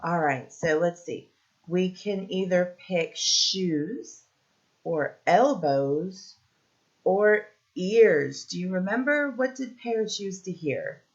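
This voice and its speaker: A woman teacher leads a read-aloud lesson for young children, asking simple questions, pausing for their answers and encouraging them. Her voice is lowish and animated, and the audio sounds dull.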